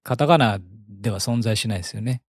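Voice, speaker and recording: Low-voiced man, easygoing chat. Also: fast talker, breathy edge, dry recording, studio quality. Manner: easygoing, short agreeing replies with light laughs. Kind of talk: casual chat.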